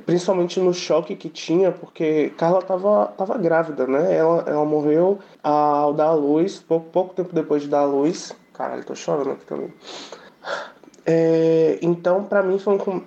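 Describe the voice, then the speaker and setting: A man hosting a casual podcast, talking in an emotional, halting way with frequent restarts. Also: a little high, dark tone. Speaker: podcast host. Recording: dull lo-fi audio.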